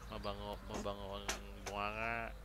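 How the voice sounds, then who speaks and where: A man's voice: lowish voice, completely flat delivery, moderate pace. A middle-aged man from the Philippines, a truck driver vlogging in casual, joking chat to viewers outdoors by his truck. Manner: jokey, chatty, addresses viewers as guys. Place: outdoors beside a truck, by bushes. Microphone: fixed camera a few meters away. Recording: outdoor camera audio, loud background noise.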